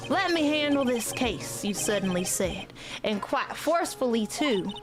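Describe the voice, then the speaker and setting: A woman's voice: fairly high pitch, expressive, a little slow. A woman voicing a pompous older male lawyer from a video game, in a fussy, self-important manner, with music behind her.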